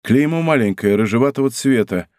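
A man reading an audiobook, voicing a cool, brooding musketeer who speaks in a low, hollow, measured way. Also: animated, darkish tone, no room sound, studio quality, close to an everyday voice. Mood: grave. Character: cool, brooding older musketeer, grave and commanding.

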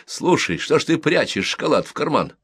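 A man reading the parts of jovial soldiers who tease and coax a child in loud, cheerful voices. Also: on the high side, big pitch swings, a little fast, slightly rough, dry recording, clean studio sound, pitched above the performer's own voice, exaggerated voice. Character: hearty joking soldiers, adult men.

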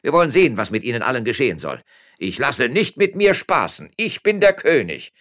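A man voicing a pompous, blustering mayor who mocks and boasts loudly. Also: mid-range voice, very animated, fairly quick, voice pushed up. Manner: boastful, mocking, loud bluster. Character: pompous blustering middle-aged male mayor.

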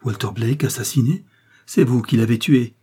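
A man voicing a dying young noblewoman, bitter and despairing, in a slow, weak, anguished delivery, with a husky, dark voice. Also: medium pitch, lightly acted. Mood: horrified.

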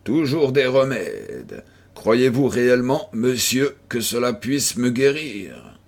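A man voicing a feverish, melancholic young recluse who speaks in a weary, ironic way, in a husky voice. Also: mid-range voice, very animated, slow pace, heavily acted. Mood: feverish, bitter.

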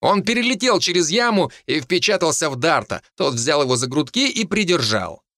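Male audiobook narrator, first person, animated, lively pitch, dry studio sound. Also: moderate pace, dry recording. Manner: expressive, animated telling.

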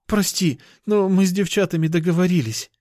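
A man's voice: sits high, fairly quick, a little mellow, no echo, clean studio sound, pitched above the performer's own voice, natural voice. A man voicing a playful, affectionate young cat-girl who teases in a bubbly way, in an audiobook reading. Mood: apologetic.

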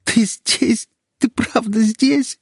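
A man voicing a frightened young woman held captive, pleading in a high, breaking voice. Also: big pitch swings, unhurried, slightly rough, no room sound, full character voice. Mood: tearful. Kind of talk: audiobook character voice.

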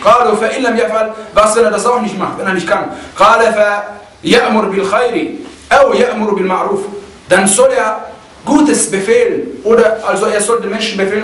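A man giving a religious lesson, reading quotes quickly in Arabic and then explaining them with anecdotes, often asking "ja?" and growing indignant in his stories. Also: high-pitched, a bit bright, recorded from a distance. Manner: grows heated and indignant when telling a story. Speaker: religious teacher. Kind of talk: lecture explaining hadith with anecdotes. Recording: roomy sound, speaker away from the mic.

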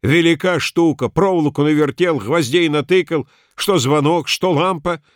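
Man putting on a gruff handyman, raised pitch, loud, rough colloquial talk, cocky, storybook reading. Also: normal speed, no room sound, studio quality, natural voice. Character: gruff male handyman, crude, stubborn and boastful.

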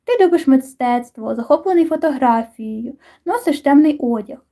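A woman's voice: high-pitched, lively intonation, normal speed, warm tone. A woman voicing a sweet, shy and playful teenage girl with a teasing manner, reading audiobook dialogue.

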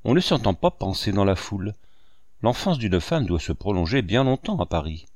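A man's voice: on the low side, sing-song, moderate pace, a little mellow, no echo, studio quality. A man voicing a tender young girl. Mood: tender, wistful. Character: gentle tender young girl, a painter's niece. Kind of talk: audiobook reading.

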